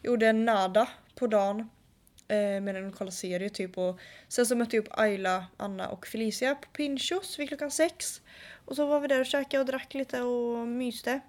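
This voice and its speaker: A young woman co-hosting a casual chat, telling a story in a lively way and acting out dialogue. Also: a little high. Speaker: podcast co-host.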